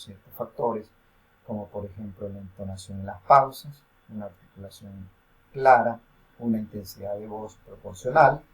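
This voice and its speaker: A man's voice: fairly low pitch, a little mellow, poor audio. A male university lecturer explaining reading and intonation, with frequent fillers and self-corrections. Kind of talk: recorded academic lecture.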